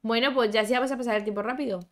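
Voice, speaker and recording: A young woman with a somewhat high voice, chatting her way through a life-sim game. She exclaims a lot, talks back to her characters and reads out chat from her viewers in a loose, playful commentary. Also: fairly even intonation, very fast. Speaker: gaming YouTuber. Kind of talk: casual gameplay commentary.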